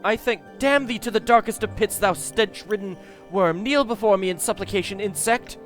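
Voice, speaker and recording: A man voicing a woman possessed by a fiend's tongue, in an imperious, archaic dark-lord manner for a game. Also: high voice, normal speed, faint music behind, pitched above the performer's own voice. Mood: furious, imperious.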